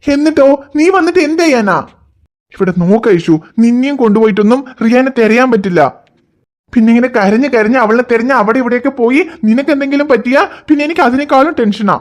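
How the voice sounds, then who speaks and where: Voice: mid-range voice, fast talker, close to an everyday voice. A voice actor playing a worried husband in a cartoon, firmly reassuring his wife. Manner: reassuring, firm.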